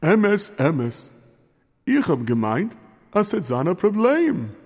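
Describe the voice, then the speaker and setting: A man's voice: high voice, sing-song, slow pace, darkish tone, slightly rough, big-room sound, heavily acted. A man voicing a jolly, fussy older rabbi uncle who stammers and chuckles. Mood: jovial.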